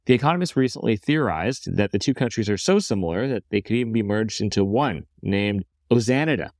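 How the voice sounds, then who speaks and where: A man hosts a business news podcast, his voice sitting on the lower side. He reads the script at a brisk clip and slips in wry joking asides. The sound is close and dry, like a studio microphone with no room around it. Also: darkish tone, dry recording. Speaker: podcast host.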